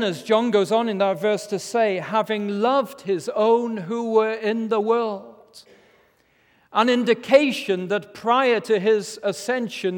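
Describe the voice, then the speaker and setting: Male British preacher, lisping slushy s, high-pitched, solemn and measured, long hall reverb. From Britain. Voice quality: lisp, slushy s. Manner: measured, solemn, rhetorical pauses. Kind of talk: formal expository sermon.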